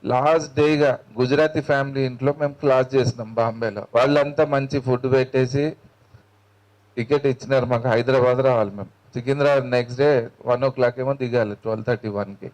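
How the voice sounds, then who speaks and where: A man's voice: mid-range voice, a little mellow, poor audio. A man with a Telangana accent, a meditation teacher giving a spiritual talk in a colloquial storytelling manner, acting out the dialogue. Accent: Telangana Telugu.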